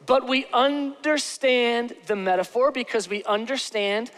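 A man in his forties preaching a sermon as pastor on a large church stage, joking and often asking the crowd "okay?", slowing down on key words. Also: very high voice, steady tone, a bit bright.

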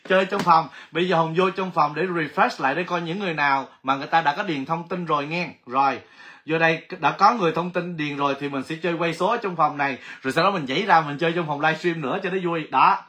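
A man hosting a casual livestream giveaway, chatty and excitable, exclaiming often. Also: fairly high pitch, quick pace. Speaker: livestream host.

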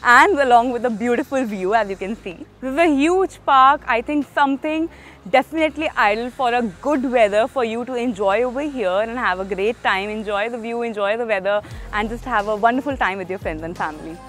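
A woman's voice: a little high, a little fast, a bit bright. A young woman presenting an upbeat walkthrough tour of a residential complex, speaking with enthusiastic, sales-minded energy on a lapel mic outdoors. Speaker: real estate presenter.

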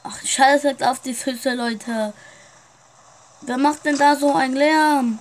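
A woman's voice: high-pitched, fairly even intonation, takes it slowly. A woman playing a shopkeeper in a casual game roleplay, chatting straight to her viewers. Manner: chatty, keeps addressing viewers.

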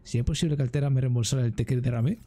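A man's voice: mid-range voice, very fast, mellow, close to an everyday voice. A man reading as a chatty stranded woman's log. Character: woman survivor writing a casual log.

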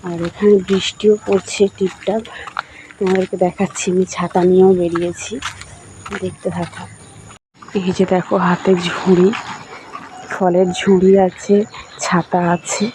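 A woman talks into a handheld phone as she walks, keeping up a chatty running commentary for her vlog. Her delivery stays level, with little rise and fall. Clear outdoor noise and birdsong sit behind her voice. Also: on the low side, little pitch movement, unhurried, pauses often. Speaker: lifestyle vlogger. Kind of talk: casual vlog narration. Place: outdoors on streets and at a temple in light rain.

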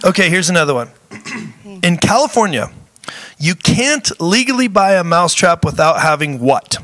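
A man's voice: sits high, sing-song, moderate pace, pushed and bright. A man co-hosting a talk show, playfully reading out trivia questions and repeating them with laughs. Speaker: co-host. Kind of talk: casual chat, quiz questions.

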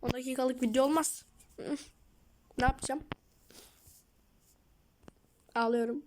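A woman's voice: high voice, a little slow, a little mellow, a little hiss or hum. A woman hosting her gaming channel, jumpy and self-mocking, talking to herself through a horror game at home. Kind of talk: horror game let's play commentary.

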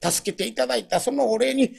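A man in a rakugo telling voices a sly fox begging for its life in soft, humble Kansai politeness. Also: very high-pitched, a little fast, creaky, slightly rough, exaggerated voice. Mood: pleading. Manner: soft, humble, pleading Osaka merchant politeness. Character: sly fox disguised as a polite pleading woman. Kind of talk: rakugo storytelling.

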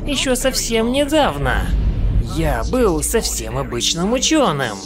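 An actor plays a smug mad-scientist inventor in an animated dub. He is a theatrical villain who draws out his gloating with lively swings in pitch. Music plays underneath. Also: a little slow. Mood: brooding, proud. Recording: music behind the voice.

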